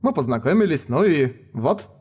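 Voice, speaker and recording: A man voicing a calm, sly young king who speaks politely and teasingly. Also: fairly high pitch, moderate pace, husky. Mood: innocent.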